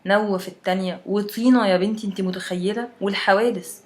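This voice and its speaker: A woman's voice: mid-range voice, fairly even intonation, fast talker, natural voice. A woman voicing a wry, chatty young Egyptian woman from Alexandria who tells a friend about winter.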